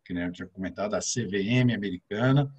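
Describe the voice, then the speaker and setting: Speaking fast in a low-leaning, slightly mellow and slightly rough voice, a middle-aged man carries the accent of interior São Paulo, Brazil. He is a guest financial advisor breaking things down step by step with frequent filler sounds, and the audio sounds dull.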